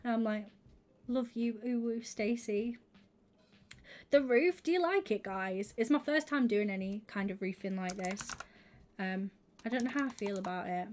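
A young woman chatting casually on her live stream, bubbly and quick to laugh. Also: mid-range voice, a little hiss or hum. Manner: bubbly, laughs often, squeals when excited.

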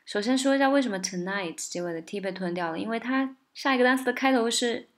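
Woman teaching song lyrics, chatty and quick, then sings lines slow. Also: fairly high pitch. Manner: explains briskly, then sings phrases slowly with rising stress. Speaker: English song tutor. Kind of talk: casual spoken lesson, singing lyric lines slowly.

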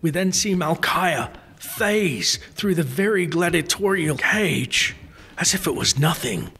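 A man's voice: fairly high pitch, lively intonation, slow, pushed and bright, slightly rough. A man giving scripted, dramatic narration of a video game's story in formal, literary phrasing. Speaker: narrator of a game lore series.

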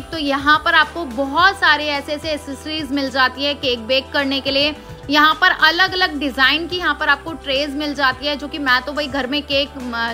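A woman's voice: sits high, pushed and bright. A woman talking through a casual shopping vlog in a chatty, enthusiastic, salesy way. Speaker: shopping vlogger.

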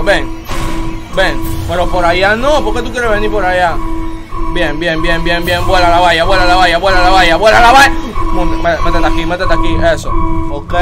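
A man with a high, bright-sounding voice narrates his own gameplay in a loose, excitable way. He shouts, trash-talks the monster and mutters to himself, with loud music playing behind him. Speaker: gamer host. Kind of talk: let's-play commentary.

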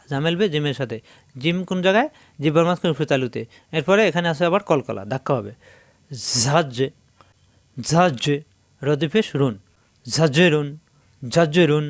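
A male teacher giving a step-by-step Quran reading lesson, slowly sounding out letters and syllables and repeating each one with explanations. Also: a little high, no room sound. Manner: slow, repetitive drilling of syllables with explanations.

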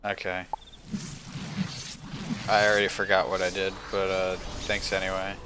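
A man's voice: sits low, monotone, moderate pace, background noise. A man giving casual, offhand gameplay commentary with dry humour. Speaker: gaming video host. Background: game music.

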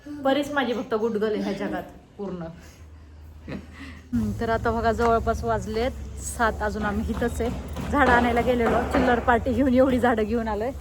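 A woman's voice: a little high, steady tone, moderate pace, background noise. A young woman, chatting casually in a family vlog and teasing the kids. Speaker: vlogger.

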